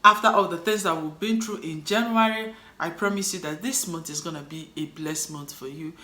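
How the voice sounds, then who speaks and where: A woman's voice: sits low, moderate pace, pushed and bright. A woman with a Nigerian accent, chatting to camera as a cleaning vlogger, upbeat and encouraging her viewers. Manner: upbeat and encouraging, motivational sign-off. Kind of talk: casual chat to camera. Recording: echoey room.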